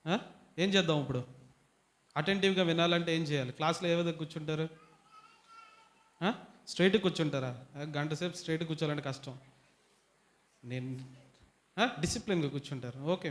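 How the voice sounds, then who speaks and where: A man leading a Bible study for young people, who keeps asking questions and pushes the audience to answer louder. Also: on the high side. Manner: quizzes the audience, urges them to answer louder. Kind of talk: interactive bible teaching to youth. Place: retreat hall.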